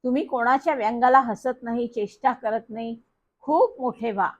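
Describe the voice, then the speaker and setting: A woman voicing a warm female schoolteacher who talks to her pupils gently and encouragingly, in a slightly dull recording. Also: a little high, normal speed, lightly acted. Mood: proud, gentle.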